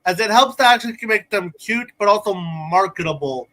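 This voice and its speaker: A man's voice: high-pitched, animated, brisk, bright, forceful tone, poor audio. A man co-hosting a casual cartoon podcast, who stumbles over filler words. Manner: hesitant, repeats filler words. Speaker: podcast co-host.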